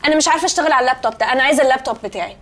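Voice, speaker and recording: An actress in a comedy series playing a rich, spoiled, slow-witted young woman with an Egyptian accent who fusses and mixes in English words. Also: sits high, expressive, fairly bright tone. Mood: naive, fussy. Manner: fussy, mixes English words, spells letter by letter. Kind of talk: sitcom acting.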